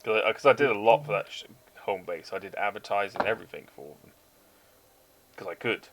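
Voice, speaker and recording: A man in his thirties from England, with a mixed British Forces English accent, chats casually and swears freely while live-streaming himself building model kits. His voice sits fairly low, with a brisk pace and a fairly bright tone.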